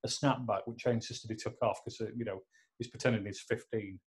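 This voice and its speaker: A man's voice: lowish voice, fairly even intonation, fairly quick. A man hosting a podcast from his home office, chatting casually and joking as he rambles with many fillers. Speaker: podcast host. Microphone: laptop.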